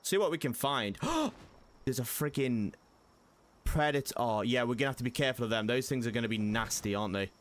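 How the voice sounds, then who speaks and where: A man's voice: mid-range voice, lively intonation, fairly quick, a little hiss or hum. A young man giving casual gameplay commentary as a streamer, chatty and prone to sudden panicked yelps. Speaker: gaming streamer.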